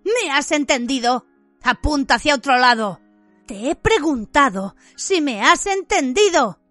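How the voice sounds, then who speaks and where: A woman narrating an audiobook, voicing an angry, defiant teenage boy who snaps sharp threats at his cousin. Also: high-pitched, lively intonation, moderate pace, no room sound, soft background music, voice pushed up. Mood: threatening. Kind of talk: audiobook character voice.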